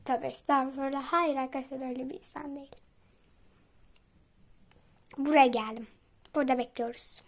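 A woman hosting a gaming channel, chatting excitably to her viewers as she plays. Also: sits high, moderate pace, pauses often. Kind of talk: casual gameplay commentary.

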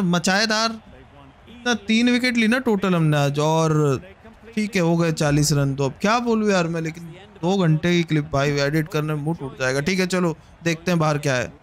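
A young man from India with a fairly high voice streams a cricket video game. He talks in a loose, chatty way, reacting to each shot and speaking to the viewers and the players on screen. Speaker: gaming streamer. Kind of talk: casual game commentary.

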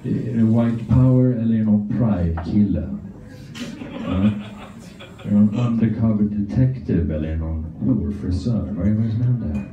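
A middle-aged stand-up comedian from Sweden with a lowish voice performs a crude, rambling, self-mocking routine on a comedy club stage, speaking out of one side of his mouth. It was captured on a phone camera in the audience, so it sounds echoey, distant, and muffled.

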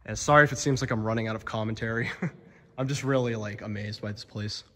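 A young man talks into a phone held at arm's length as he wanders a cold, dark quarry cavern. His voice sits slightly low and rings with a long echo off the stone walls. He rambles casually, full of "you know" and "like", openly amazed. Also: fairly even intonation, fast. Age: young adult. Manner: chatty, amazed, lots of fillers. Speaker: explorer vlogger. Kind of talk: casual exploring vlog.

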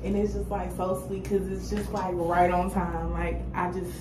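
A young adult woman chatting casually to the camera as she vents, halting and reflective, at home. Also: fairly low pitch, completely flat delivery. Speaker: vlogger. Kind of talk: casual chat, venting to camera. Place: small room at home, indoors. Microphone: phone or laptop at arm's length. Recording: roomy echo, clear background noise.

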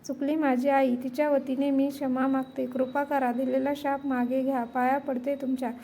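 A woman voicing a gentle young princess who pleads and apologizes, in a storybook tale. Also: sits high, flat delivery, moderate pace, a little hiss or hum. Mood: pleading.

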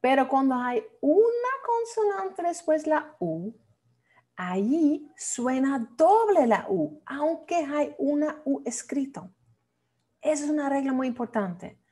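A woman teaching a lesson on Dutch pronunciation, playful and repeating words slowly as drills. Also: high voice, animated, warm tone. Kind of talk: online language lesson.

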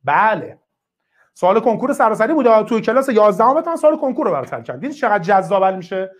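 A woman lectures a math class, her voice swinging high and low with lively energy. She drives each point home by repeating it, presses students to answer quickly, and rewards them with short bursts of praise. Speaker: math teacher.

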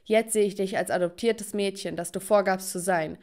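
A woman's voice: mid-range voice, steady tone, normal speed, darkish tone, natural voice. Woman voicing a stern angry father. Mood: angry scolding. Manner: scolding, harsh. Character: stern angry father disowning his daughter.

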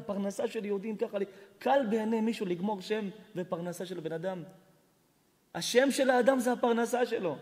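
A man, a rabbi, giving an emphatic Torah lesson, jumping from loud exclamations to hushed asides while telling stories. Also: sits high. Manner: storytelling with acted dialogue. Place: large hall at an evening lesson. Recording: hall reverb.

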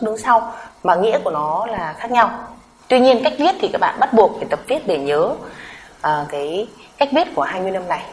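A woman's voice: mid-range voice, low-quality recording. A woman teacher runs a Korean vowel lesson at an easy, patient pace. She asks her learners questions, answers them herself and repeats each sound for them to copy. A faint hiss of noise sits under her voice.

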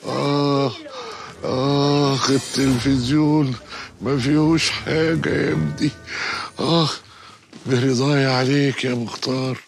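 Gravelly dying old Egyptian father. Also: mid-range voice, steady tone, unhurried, faint music behind. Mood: feeble. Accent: Egyptian Arabic. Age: older. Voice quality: gravelly, weak.

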